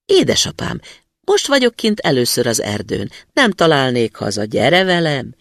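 A man's voice: mid-range voice, huge pitch swings, creaky, a bit bright, dry recording, studio quality, exaggerated voice. A man voicing a cheeky, clever young student speaking to his father. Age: young adult.

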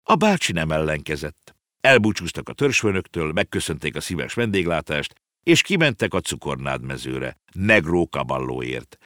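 A man reading a children's story aloud in a low, deep voice. His intonation swings widely as he narrates expressively. The recording is dry and close, with no room sound. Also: big pitch swings, a bit bright, dry recording.

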